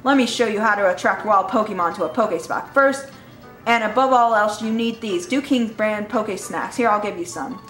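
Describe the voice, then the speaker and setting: A woman's voice: mid-range voice, moderate pace, a bit bright, roomy sound, faint music behind, close to an everyday voice. A woman voicing a boastful male inventor, reading game text aloud in a showman tone and now and then stumbling over words.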